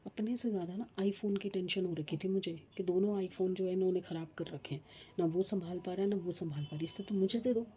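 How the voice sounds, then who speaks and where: A middle-aged woman chatting casually in a home vlog, talking slowly and with effort because of a painful tooth. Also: fairly low pitch, fairly even intonation, dark tone. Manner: chatty, rambling about household matters. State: speaking slowly from tooth pain. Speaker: vlogger. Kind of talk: casual daily vlog chat.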